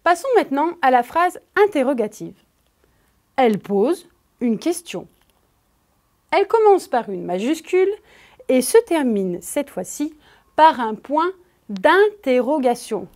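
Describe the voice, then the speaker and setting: Very animated and high-voiced, with a slightly mellow quality, a French-accented woman walks children through grammar. She talks straight to the pupil, going slowly and leaning hard on the important words.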